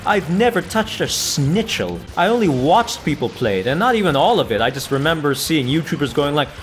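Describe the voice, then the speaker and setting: A man doing let's play commentary, chatty and breaking into excited yelling at the game. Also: on the high side, brisk, a little hiss or hum. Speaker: gaming YouTuber. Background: faint game music.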